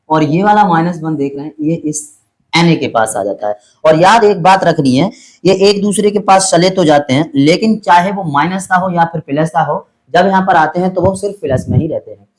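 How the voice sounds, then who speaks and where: Here a man with a fairly high voice teaches chemistry, though the recording quality is low. He explains each step and patiently goes over his points again, calling his students "beta" and checking in on their understanding. He slows down whenever he spells out a chemical formula.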